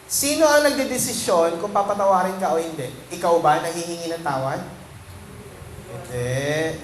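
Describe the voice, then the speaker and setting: Filipino man, pastor, fairly high voice; asks the congregation questions as he preaches; echoey, noisy church recording. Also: moderate pace. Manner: asks the congregation questions, mixes English phrases into Tagalog. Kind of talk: sermon. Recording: echoey room with background noise.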